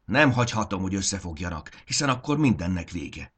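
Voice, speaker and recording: A man's voice: sits low, very animated, sharp tone, husky, pitched above the performer's own voice, heavily acted. A man voicing a blustering male warlord in a storybook reading, barking and groaning as he clings to command. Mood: desperate. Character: blustering male warlord, anxious about his power.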